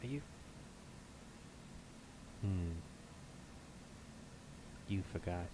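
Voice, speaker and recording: A man's voice: low voice, animated, extremely slow, noisy background, heavily acted. A man voicing a tiny, playful weasel spirit with a little voice and short, simple questions in a tabletop game. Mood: playful, curious.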